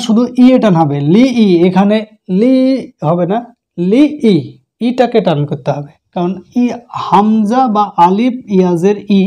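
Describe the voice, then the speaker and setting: Mellow-voiced man teaching Quran recitation. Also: sits high. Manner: patient, explains each letter and repeats sounds slowly. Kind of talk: step-by-step recitation lesson.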